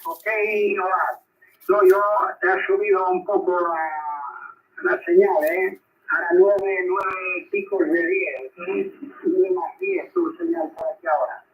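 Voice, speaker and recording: A man with a Spain Spanish accent speaks as an amateur radio operator over a radio, in a halting, repetitive way with frequent check-ins. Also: high-pitched, lively intonation. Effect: radio transmission. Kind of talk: ham radio contact, spelling out call signs. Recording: thin narrowband shortwave radio signal.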